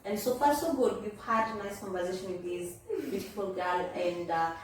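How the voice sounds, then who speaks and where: A woman's voice: mid-range voice, steady tone, normal speed. A woman hosting a casual, chatty interview, addressing viewers directly in an encouraging way. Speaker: interviewer, host. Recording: echoey room, distant mic, faint noise.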